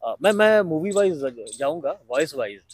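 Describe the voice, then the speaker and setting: A man's voice: on the high side, sing-song, normal speed. A man, a mimicry artist, chatting in an interview and breaking into film-star impressions. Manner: breaks into film dialogue impressions mid-talk.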